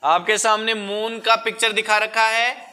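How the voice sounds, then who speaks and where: A man teaching a primary school class, patiently coaxing the children and drawing words out slowly to show the sounds. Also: high voice, completely flat delivery, bright, forceful tone, clean tone. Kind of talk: classroom lesson.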